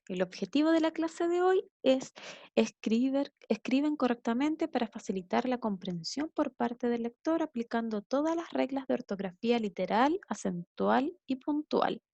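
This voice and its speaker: A woman teacher with a Chilean Spanish accent walks students through a lesson in a patient, explanatory way, often pausing to check understanding. Her voice sits somewhat high. The recording is dry, with little room sound. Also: lively intonation, gravelly, warm tone, no echo, highs cut off.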